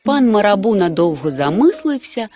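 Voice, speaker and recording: Storybook narrator: woman, expressive, lively melodic pitch. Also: normal speed. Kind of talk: storybook reading.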